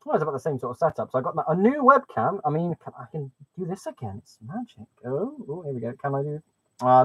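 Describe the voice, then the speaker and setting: A man with a somewhat high, slightly bright voice chats casually on a live stream, thinking aloud while fiddling with his settings. His webcam mic makes him sound muffled and hollow, as if talking through a pipe, with a dull, dry quality and no room sound.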